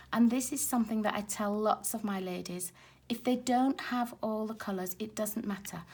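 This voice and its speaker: At her home craft table, filmed from overhead, a woman demonstrates card-making in a casual tutorial, chatty and explanatory as she works with her hands. Her mid-range voice is raspy and hoarse from a lingering cold yet fairly bright, with slight background noise.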